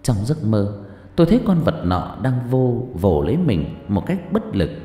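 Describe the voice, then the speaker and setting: A man telling a horror story in the first person, with a dramatic, animated delivery and a mellow, dark tone. His voice rings in a roomy space with a long reverb, and faint music plays underneath. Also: fairly low pitch, moderate pace.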